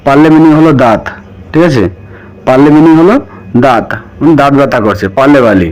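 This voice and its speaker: A man's voice: mid-range voice, animated, quick pace, a little mellow, highs cut off. A man with a Bengali accent gives a spoken vocabulary lesson, repeating each word and asking and answering his own questions. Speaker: language teacher.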